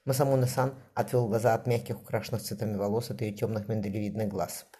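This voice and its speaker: A man narrating a novel at a rapid clip, his voice husky and breathy. The tone is dark and mellow, delivered as steady scripted narration. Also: on the low side. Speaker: audiobook reader.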